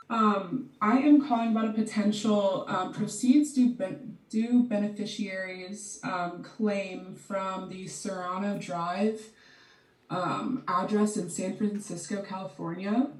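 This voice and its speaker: A woman's voice: medium pitch, slow, reverberant, distant mic, low-quality recording. Nervous woman leaving a voicemail. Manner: hesitant, many filler ums. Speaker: student cold caller.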